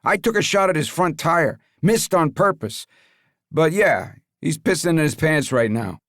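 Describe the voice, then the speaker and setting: A man's voice: on the high side, animated, measured pace, fairly bright tone, no echo, studio quality, pitched above the performer's own voice. A man reading the audiobook voices a crude, swaggering mob henchman on a phone call. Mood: cocky. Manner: brash, swaggering.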